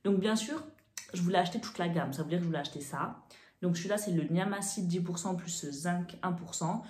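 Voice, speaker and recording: A young woman tells a story to the camera at home in the chatty, animated way of a beauty vlogger, with plenty of fillers. Her voice sits low for a woman and sounds mellow. The room around her gives it a clear echo. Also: fairly quick.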